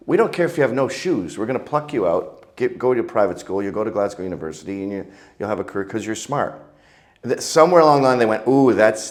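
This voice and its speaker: Low-voiced crude joking man. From Canada. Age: middle-aged. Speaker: guest. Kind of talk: casual interview storytelling.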